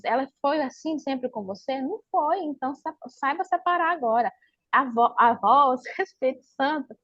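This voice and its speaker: Husky Brazilian woman telling a testimony. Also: fairly high pitch, dry recording. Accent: Brazilian Portuguese. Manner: lively storyteller acting out dialogue. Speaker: church member giving testimony. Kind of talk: personal testimony told to a pastor. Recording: dull lo-fi dry recording.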